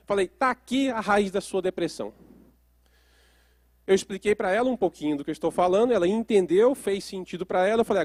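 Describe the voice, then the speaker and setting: A man's voice: sits high, dry recording, clean studio sound. A man who works as a therapist, giving a lecture and telling a case story, asking the audience questions as he goes.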